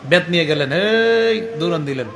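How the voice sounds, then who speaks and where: A male preacher with a high, bright and forceful voice. He tells his stories in an animated way and acts out the people he quotes. He recites Arabic lines, then explains them point by point. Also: a little fast. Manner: lectures in numbered points. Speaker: Islamic preacher. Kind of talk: sermon on parenting.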